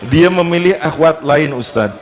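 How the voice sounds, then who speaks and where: A man's voice: on the high side, lively intonation, normal speed, background noise. A man acting as moderator, politely reading out a submitted question with small hesitations.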